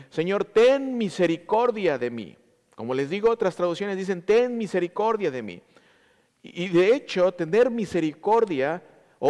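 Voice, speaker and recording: A man's voice: sits high, a little mellow, long reverb tail. A man preaching a sermon to his congregation, teaching with repeated emphasis and speaking to them directly.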